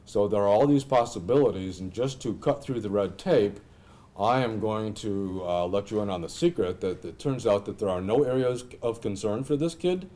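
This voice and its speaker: Low-voiced middle-aged American man, mellow. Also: expressive, normal speed. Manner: conversational, thinks aloud, asks rhetorical questions. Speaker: instructor presenting clinical simulations. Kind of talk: informal lecture with software demonstration. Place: indoor classroom at a lectern.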